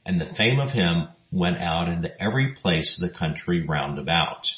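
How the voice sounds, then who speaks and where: A man giving scripted Bible teaching narration, reading scripture verses in a measured, even way. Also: low voice. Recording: roomy, dull lo-fi recording.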